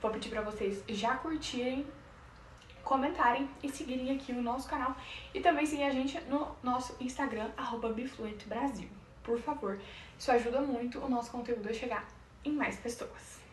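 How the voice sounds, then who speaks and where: A woman with a Brazilian Portuguese accent teaching a Spanish lesson, stretching out example words slowly. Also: high-pitched, recorded from a distance, slight background noise. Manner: slow, drawn-out pronunciation of example words. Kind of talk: online language lesson. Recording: echoey room, voice off-mic.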